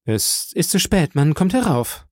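A man's voice: a little high, big pitch swings, unhurried, a little mellow, dry recording, clean studio sound, voice pushed up. Man voicing a cold, resolute young woman. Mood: stern.

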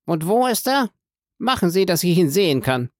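A man's voice: high-pitched, sing-song, normal speed, no echo, pitched above the performer's own voice. A panicked, greedy banker pleads and haggles for his life in an audiobook, as a male reader puts him on. The voice sits well above the reader's own, dry and close. It turns frantic and defiant by turns. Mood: demanding. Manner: pleading, bargaining, rising to frantic outbursts. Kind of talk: audiobook reading.

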